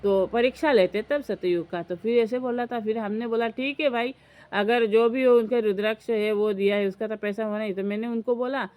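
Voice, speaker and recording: A woman's voice: fairly high pitch, fairly even intonation, moderate pace, lo-fi sound. A woman from Assam telling a story and giving earnest advice in a chatty vlog. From Assam, India. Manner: chatty, retells dialogue, gives earnest advice. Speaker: vlogger. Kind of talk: casual storytelling to camera.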